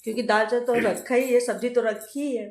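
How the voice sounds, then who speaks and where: A woman's voice: a little high, fairly even intonation, fairly quick, darkish tone, reverberant. A woman who is a mother and vlogger, chatting casually at home while unwell with a fever. She tells a long story and often breaks into laughter. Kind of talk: casual home vlog chat.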